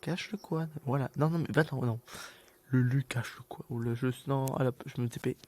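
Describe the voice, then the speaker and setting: A man's voice: mid-range voice, steady tone, a little fast, darkish tone. A man doing casual, rambling gameplay commentary for his viewers, playfully mock-exasperated as he talks half to himself. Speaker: gaming video creator.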